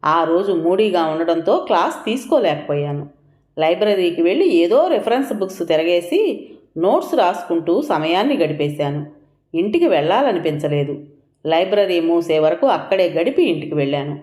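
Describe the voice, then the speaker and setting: A woman narrating a scripted first-person audio story in a reflective, measured way. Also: lowish voice, expressive, a little mellow. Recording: echoey room.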